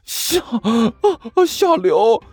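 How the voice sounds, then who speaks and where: A man doing 刘阿贝, a squeaky frantic peacemaker. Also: very animated, slow, a little mellow, slightly rough, full character voice. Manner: high-pitched, pleading, frantic.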